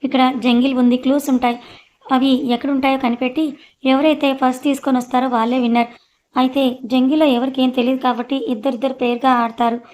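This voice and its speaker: A woman's voice: high voice, level tone, fast talker, darkish tone, lightly acted. A woman voicing a commanding, scolding young woman boss in an audiobook story. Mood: bossy. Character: bossy, sharp-tongued young woman boss.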